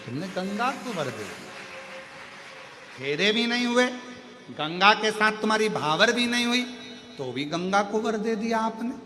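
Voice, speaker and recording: A man voicing a humble male demon king who pleads softly and low for grace. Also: big pitch swings, a little slow, pauses often, exaggerated voice. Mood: reverent. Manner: soft, low and imploring. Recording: long hall reverb, faint music.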